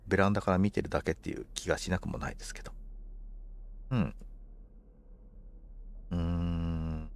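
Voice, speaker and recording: A man commentating on a game for a livestream, politely musing aloud to himself in casual chat. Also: sits low. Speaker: game streamer.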